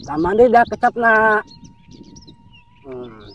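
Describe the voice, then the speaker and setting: A woman's voice: on the high side, animated, slow pace, fairly bright tone. A woman chats casually as an outdoor mukbang host, talking with her mouth full as she eats. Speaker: vlogger hosting an outdoor eating show. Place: outdoors on a windy hillside plantation. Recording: noisy outdoor recording with clicks. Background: wind and outdoor nature sounds.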